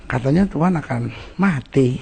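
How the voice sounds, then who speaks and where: A man voicing a timid male preacher who keeps apologizing and pleading in a meek, low voice. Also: expressive, moderate pace, vocal fry, mellow, breathy edge, heavily acted.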